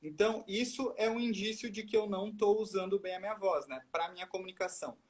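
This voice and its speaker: A man's voice: high-pitched, quick pace. A man, a speech therapist explaining things step by step in a live chat and asking himself rhetorical questions.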